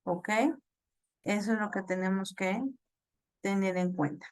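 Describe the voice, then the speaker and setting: Lady teacher, really slow, lots of ehs and repeats, dry room. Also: medium pitch, level tone, a little mellow, clean tone, no echo. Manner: slow, halting explanation with many fillers and repeats; checks understanding with "ok?". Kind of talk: online class lecture.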